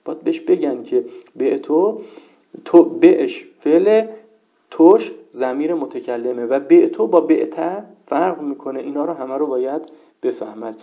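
Gravelly dark-voiced man lecturing. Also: a little high, lively intonation. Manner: explanatory, repeats and conjugates examples aloud. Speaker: seminary teacher. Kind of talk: lecture on Islamic jurisprudence. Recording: dull lo-fi recording.

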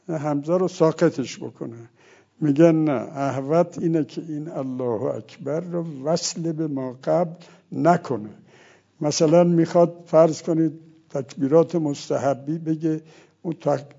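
A man lectures on religious law in a seminary style, walking through each point in turn. His voice is gravelly and mellow, sitting a little high for a man. The recording is dull and lo-fi. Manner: explains step by step, recites Arabic phrases as examples.

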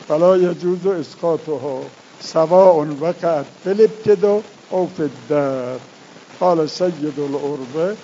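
A gravelly, fairly high-pitched man gives a seminary lecture, reading out text and then explaining it plainly. He slows down deliberately on his examples. The recording is dull and lo-fi, with faint rain behind him. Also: dark tone, a little hiss or hum. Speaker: religious studies teacher.

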